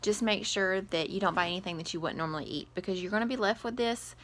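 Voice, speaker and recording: A young woman talking through her pantry in a casual home vlog. She sounds chatty and practical, trailing her advice with ums. Steady background noise sits under her voice. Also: medium pitch, quick pace. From American South. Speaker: vlogger. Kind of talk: casual grocery haul vlog. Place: home kitchen, indoors.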